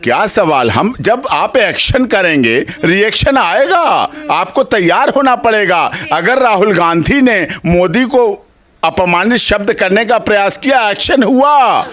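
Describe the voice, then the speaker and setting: A man's voice: sits high, very animated, unhurried, a bit bright. A man, a senior advocate, answering interview questions with impassioned, rhetorical speech and strings of repeated phrases.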